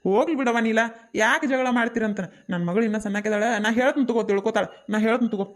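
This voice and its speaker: A performer voicing a calming village father with a North Karnataka accent. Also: mid-range voice, fast, close to an everyday voice. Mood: coaxing. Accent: North Karnataka Kannada. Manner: coaxing, calming tone. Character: soothing village father, peacemaker.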